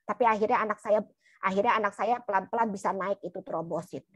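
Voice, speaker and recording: A woman's voice: medium pitch, fast, no room sound. A woman telling a personal testimony in church in an earnest, colloquial storytelling manner, often turning to her listeners. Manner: earnest, keeps addressing listeners as "brothers and sisters". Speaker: church member giving testimony.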